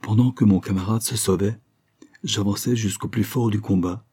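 A man narrating a novel in a steady, measured reading voice. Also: fairly low pitch, breathy edge. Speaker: audiobook narrator.

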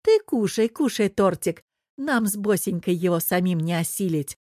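A woman's voice: expressive, normal speed, no echo, natural voice. A doting older aunt, as a woman narrator puts her on, cooing and fussing in a raised, sing-song voice. She gushes over family and sweets in a storybook reading. The sound is dry and close. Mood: gushing. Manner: cooing, gushing, high and loud.

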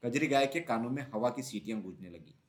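Male narrator, middle pitch, steady children's story reading. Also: fast talker.

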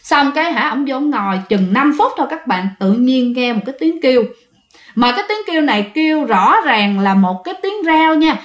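Chatty Southern Vietnamese woman who tells ghost stories and talks to her listeners; fairly high voice, echoey room. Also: expressive, fairly quick. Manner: chatty, addresses listeners directly. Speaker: ghost story narrator. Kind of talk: casual spoken storytelling.

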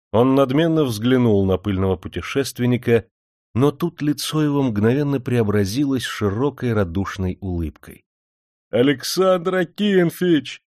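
A man reading a novel aloud as an audiobook narrator, in a steady, descriptive manner. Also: mid-range voice, no echo, clean studio sound.

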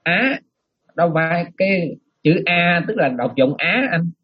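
Monk teacher, slightly raised pitch, husky, patient explainer, lo-fi call audio. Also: male voice, expressive, measured pace, no echo. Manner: explains patiently, repeats key sounds. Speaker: monk teaching Pali chanting. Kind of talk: online class instruction.

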